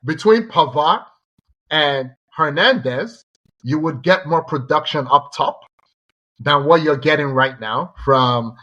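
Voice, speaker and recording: A man's voice: a little high, slow, a bit bright. Eager man, slightly muffled podcast audio. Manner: eager, chatty, jumps in to make points. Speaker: podcast co-host. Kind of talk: casual sports chat.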